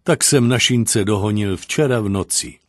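A man's voice: on the low side, no echo, clean studio sound, close to an everyday voice. A man voicing a giant male deserter soldier, grieving and plain-spoken, telling his story in an earnest, sorrowful way.

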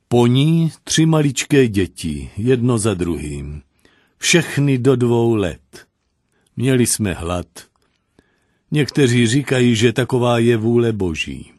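A man's voice: medium pitch, darkish tone, dry recording, studio quality. A man voicing a giant male deserter soldier, grieving and plain-spoken, telling his story in an earnest, sorrowful way.

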